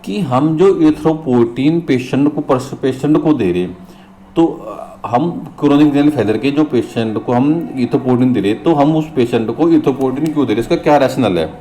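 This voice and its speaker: A man tutoring for nursing exams. He reads English questions slowly and explains them in Hindi, repeating terms and often checking in with his viewers as friends. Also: medium pitch, warm tone, slight background noise. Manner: addresses viewers as friends, frequent "theek hai" check-ins. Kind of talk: exam question walkthrough.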